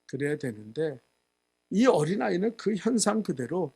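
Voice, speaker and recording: A male pastor giving a sermon, telling a story and acting out the quotes, growing loud at the high points. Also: big pitch swings, moderate pace, vocal fry, breathy edge. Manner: storytelling with acted quotes, rising loud at climaxes. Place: church sanctuary.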